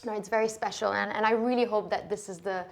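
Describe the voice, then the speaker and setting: A woman in her thirties from Lebanon, a shoe designer talking softly in a relaxed interview, with many fillers and restarts. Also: mid-range voice, fast talker, creaky.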